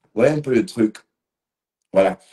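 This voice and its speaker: A man's voice: on the low side, animated, normal speed, warm tone. Tipsy man rambling on a live stream. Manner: rambling, addresses commenters by name. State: slightly tipsy. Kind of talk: casual live-stream chat to viewers.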